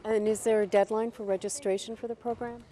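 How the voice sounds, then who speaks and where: A woman's voice: on the high side, little pitch movement, fast talker, dark tone. A woman hosting a community cable TV show who asks short, polite interview questions. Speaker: community TV host. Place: indoor futsal facility.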